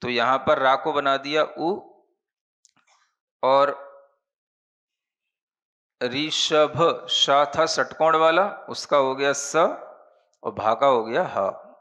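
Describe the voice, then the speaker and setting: A man's voice: mid-range voice, bright, forceful tone. A man teaching a Prakrit grammar class, patient and explanatory, often checking with his students that they follow. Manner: slow, patient, checks understanding with "है ना?". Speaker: Jain monk teaching Prakrit.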